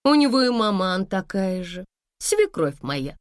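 Brief: haughty, mocking wife, read by a woman; scornful, pressing, unhurried, very dry close sound. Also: mid-range voice, very animated, no room sound. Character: confident mocking wife, middle-aged woman.

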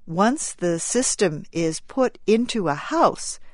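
A woman reads a scripted news report very slowly and clearly, one phrase at a time. Her voice sits in a middle pitch and sounds close and dry, with no room behind it. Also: lively intonation, no room sound. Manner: clear, deliberate reading. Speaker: program narrator. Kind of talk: slow scripted news narration.

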